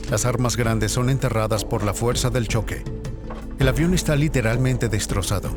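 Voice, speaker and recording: Male documentary narrator over music. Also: mid-range voice. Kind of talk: scripted documentary narration, like a nature documentary. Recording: music behind the voice. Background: background music.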